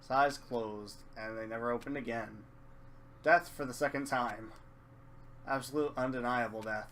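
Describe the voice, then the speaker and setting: A man's voice: mid-range voice, steady tone, normal speed, a bit bright, a little hiss or hum. A man hosting a let's play, reading game text aloud and adding casual commentary.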